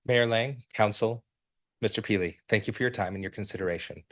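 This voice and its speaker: A man in his forties from Utah, United States, delivers a prepared public comment to a city council, speaking into a podium microphone in a council chamber. His voice is fairly low-pitched, brisk, and a bit bright. He is earnest, formal, and persuasive, with a few restarts.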